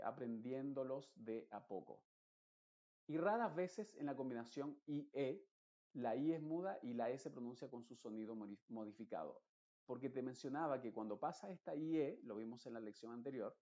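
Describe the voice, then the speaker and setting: A man teaching English pronunciation in an online lesson, patiently explaining and repeating example words slowly. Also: mid-range voice, dark tone, dull audio.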